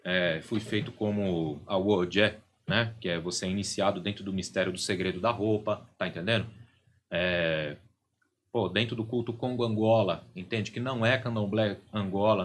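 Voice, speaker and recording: A man's voice: on the low side, slight background noise. A middle-aged Brazilian man, a podcast guest and religious leader, explaining at length and often checking in with "né?" and "entende?".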